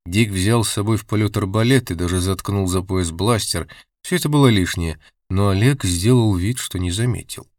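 A man narrating an audiobook in a steady, measured reading. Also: on the low side, no room sound, clean studio sound. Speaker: audiobook reader. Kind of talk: scripted narration.

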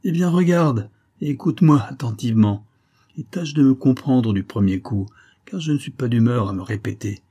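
A man's voice: medium pitch, lively intonation, normal speed, mellow, husky, pitched above the performer's own voice. A man doing a roaring cruel conquistador captain. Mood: raging threat. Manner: roaring, threatening. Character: furious cruel male Spanish captain.

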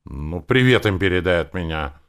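A man's voice: low-pitched, lively intonation, moderate pace, a bit bright. A man voicing a cheeky, laid-back male army captain in an audiobook. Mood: deadpan. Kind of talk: audiobook character voice.

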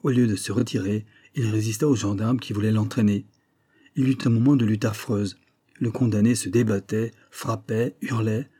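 A man reading a classic novel aloud in measured, even scripted narration. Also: lowish voice, slightly rough. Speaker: audiobook reader.

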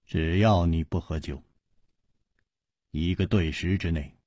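A man's voice: fairly even intonation, a little mellow, breathy edge, dry recording, studio quality, full character voice. A man doing a grave, courteous hero. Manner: measured, formal, low and grave. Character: calm, courteous male hero.

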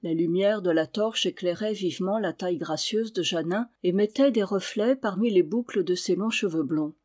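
Audiobook narrator, steady measured storytelling, middle pitch.

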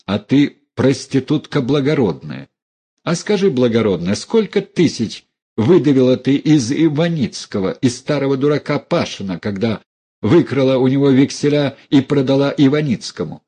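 A man's voice: mid-range voice, lively intonation, moderate pace, mellow, husky, voice pushed up. A man voicing a furious, defiant young woman who hurls scornful accusations at her relatives.

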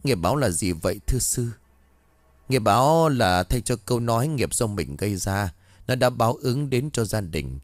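This is a gentle, patient monk in an audio ghost story, and he explains things with slow solemnity. His voice moves up and down a lot and sounds close and dry, with a male reader giving him voice. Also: medium pitch, lively intonation, no echo, close to an everyday voice. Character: calm kindly middle-aged male Buddhist monk.

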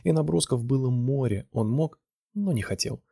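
A man reading an audiobook novel in a measured, even narration. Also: mid-range voice, vocal fry, no room sound, clean studio sound. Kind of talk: scripted narration.

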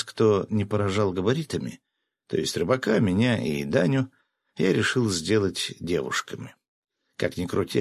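A man narrating a first-person story aloud in a lively, wry manner. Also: fairly low pitch, creaky, no echo. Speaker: audiobook narrator.

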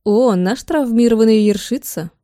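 A woman reading the part of a brisk, bossy female emergency doctor. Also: a little high, dark tone, no room sound, clean studio sound, voice pushed up, lightly acted.

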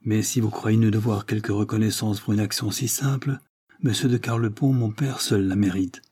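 A man's voice: on the low side, steady tone, normal speed, mellow, slightly rough, no room sound, clean studio sound. A man reading an audiobook and voicing a courteous, serious young nobleman, with polite, formal speech. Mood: modest.

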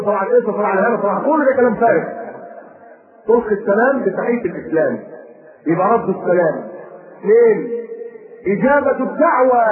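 Egyptian male preacher, rapid animated delivery, tinny phone-like tape in an echoey hall with a crowd. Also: extremely high pitch. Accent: Egyptian Arabic. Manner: animated, scolding, mimics people. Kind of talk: recorded sermon lecture.

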